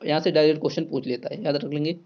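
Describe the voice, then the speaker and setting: A man with a fairly high voice teaches an exam-prep grammar lesson. He repeats key words and asks and answers his own questions. The sound is dull and lo-fi. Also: fairly even intonation, very fast.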